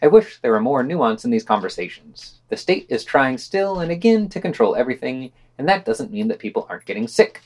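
Male podcast co-host, news-roundup reader, animated intonation, dry sarcastic commentary. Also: mid-range voice, brisk, hardly any pauses. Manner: sardonic, opinionated asides between read quotes.

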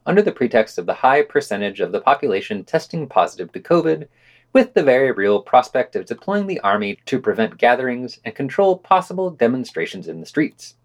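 Sardonic man reading a news roundup. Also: medium pitch. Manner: sardonic, opinionated asides between read quotes. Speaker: podcast co-host.

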